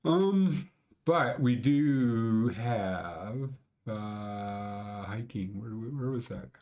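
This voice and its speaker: A man in his sixties with a Canadian accent and a lowish, slightly mellow voice hosts a casual mountain-conditions show from a small room at home. Talking very slowly but animatedly, he rambles through his screen-share commentary with blunt, crude jokes.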